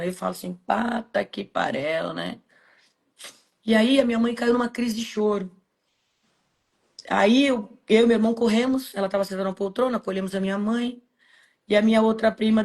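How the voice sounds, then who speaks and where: Soft-spoken Brazilian woman telling a story. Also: mid-range voice, fast. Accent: Brazilian Portuguese. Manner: soft, subdued, heartfelt. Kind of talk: personal storytelling in podcast chat.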